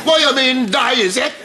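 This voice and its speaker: A man's voice: very high-pitched, very noisy, exaggerated voice. A middle-aged man with a Guyanese accent, bossy and fussy, giving instructions in a sitcom. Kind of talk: sitcom acting.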